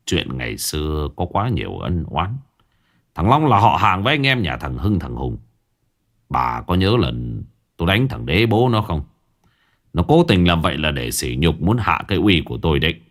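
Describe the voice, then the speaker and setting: A stern old martial arts master speaks in a very deep, gravelly voice, as a man reading the story plays him. He is gruff and measured. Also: sing-song, full character voice. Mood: restrained. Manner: gruff, measured, holding back anger. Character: stern older male martial arts master, tightly restrained.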